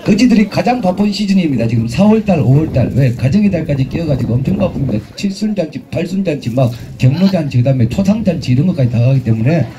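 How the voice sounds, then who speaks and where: High-voiced joking festival emcee man. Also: lively intonation, fast, hardly any pauses, noisy background. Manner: joking, crude teasing, shouting cues. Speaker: street performer emcee. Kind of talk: outdoor festival stage banter with the crowd. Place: outdoor festival stage.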